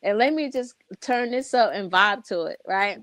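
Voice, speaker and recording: A woman's voice: mid-range voice, moderate pace, a bit bright, dry recording. A woman co-hosts a radio talk show in a casual, reflective way. She laughs often between points. Her voice sounds dry and close. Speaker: radio co-host and music director.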